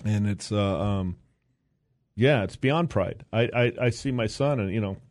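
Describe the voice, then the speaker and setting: A low-voiced older man speaks as a guest in a relaxed interview, close to the mic in a dry room. He wanders through his stories, full of fillers and restarts. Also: unhurried, no echo. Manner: rambling storyteller, many fillers and restarts. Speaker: interview guest, university board president. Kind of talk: casual interview chat.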